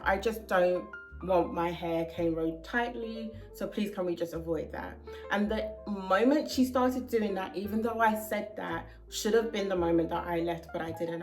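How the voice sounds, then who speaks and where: A young woman vlogging to camera, earnestly sharing heartfelt advice with casual fillers. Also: lowish voice. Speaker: hair vlogger. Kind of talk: casual talking-to-camera vlog.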